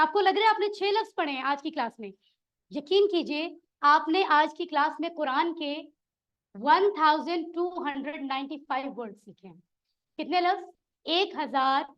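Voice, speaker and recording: High-voiced woman teaching a class. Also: fairly bright tone, highs cut off. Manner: encouraging, asks the class questions. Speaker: Quran Arabic teacher. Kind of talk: classroom lesson.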